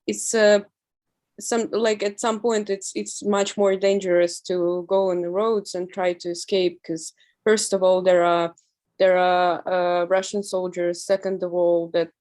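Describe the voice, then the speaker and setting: A young woman in her twenties with a Ukrainian accent, speaking earnestly and haltingly as an interview guest, with many fillers and restarts. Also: medium pitch, a little mellow. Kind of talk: remote interview.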